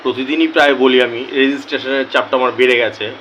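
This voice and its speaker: A man talking earnestly to his viewers as a YouTuber, slow and deliberate, often repeating key words for emphasis. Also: mid-range voice, steady tone, fairly bright tone, slight background noise, poor audio. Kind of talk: earnest casual talk to camera.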